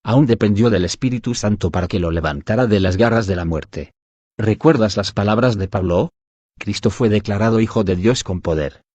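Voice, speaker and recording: A man narrating a devotional audiobook in an even, measured reading style. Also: on the low side, dry recording. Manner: even, measured reading that voices punctuation aloud.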